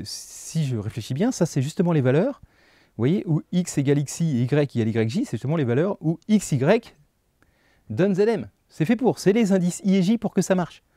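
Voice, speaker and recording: A man explaining math to adult learners in a relaxed, conversational way, full of fillers and asides. His voice is mellow and warm. The recording is dry and close. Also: fairly high pitch, no room sound. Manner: casual, chatty, thinks aloud with fillers. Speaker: math teacher. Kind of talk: lecturing over slides.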